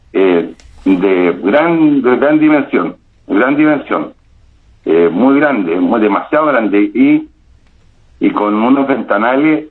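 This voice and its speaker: A middle-aged Chilean man tells his story over a thin, tinny phone line. His voice sits at an ordinary male pitch, and he circles back on his words, repeating and restarting as he goes. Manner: halting, repeats himself, many restarts. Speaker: caller telling a paranormal experience. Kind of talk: first-person storytelling.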